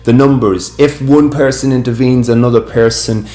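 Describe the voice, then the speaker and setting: A man hosting and narrating a documentary in a measured, explanatory way, in an echoey room with music underneath. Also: medium pitch, steady tone, warm tone. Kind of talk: scripted narration.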